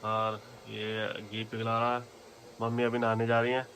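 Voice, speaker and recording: A man's voice: on the low side, completely flat delivery, moderate pace, a bit bright, slight background noise. A man chatting to viewers as he narrates a family vlog at home. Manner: chatty, addresses viewers directly. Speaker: vlogger. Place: home, indoors.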